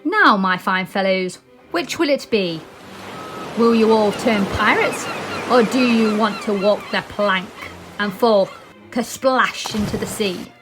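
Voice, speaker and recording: A woman voicing a scheming male pirate captain with a theatrical, menacing, drawn-out delivery in a storybook. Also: mid-range voice, over music, natural voice. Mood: gloating menace.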